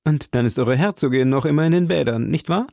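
A man reading an audiobook voices an eager, quick-witted young musketeer with a brisk, teasing, exclaiming manner. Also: fairly high pitch, gravelly, warm tone, no room sound, clean studio sound, voice pushed up.

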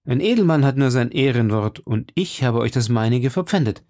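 A man voicing a hot-tempered young swordsman of twenty, speaking urgently and with agitation in a raised, gravelly voice. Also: mid-range voice, expressive, brisk, darkish tone, close to an everyday voice. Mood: anxious.

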